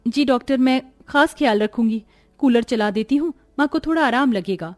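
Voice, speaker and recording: A woman voicing a kind, patient elder sister in a storybook, earnest and gentle. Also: fairly high pitch, normal speed, no room sound, lightly acted. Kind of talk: storybook voice acting.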